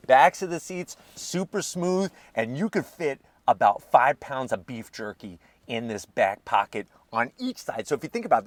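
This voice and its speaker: A man's voice: medium pitch, no room sound. A man hosting a playful, jokey walkaround review from inside a pickup truck at an event. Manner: jokey, playful, upbeat salesman-like patter. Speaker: car reviewer host. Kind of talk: enthusiastic vehicle walkaround.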